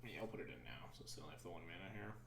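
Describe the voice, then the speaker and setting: A lower-voiced man talks to his stream while he plays a card game, rambling and thinking aloud with a dry, sarcastic edge. His pitch swings up and down a lot as he reasons through each move. The sound is roomy, with a clear echo around him. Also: lively intonation, racing, background noise. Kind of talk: casual live-stream commentary.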